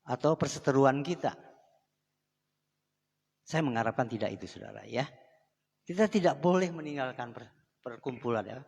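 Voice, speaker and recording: A man's voice: medium pitch, moderate pace, gravelly, long pauses, darkish tone, breathy edge. A man preaching a sermon in a church, chatty and direct, often turning to the congregation with asides. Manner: conversational preaching, often addressing the congregation as saudara. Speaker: pastor. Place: church sanctuary. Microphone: live microphone. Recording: long church hall reverb.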